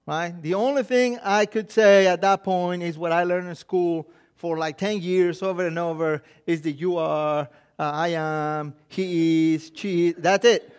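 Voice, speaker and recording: A middle-aged pastor with a Mexican accent, a native Spanish speaker, preaches a sermon in English in a strikingly high voice. He tells stories with animation, voicing his own and others' thoughts and often starting sentences over. His delivery is smooth and measured, with fairly even intonation.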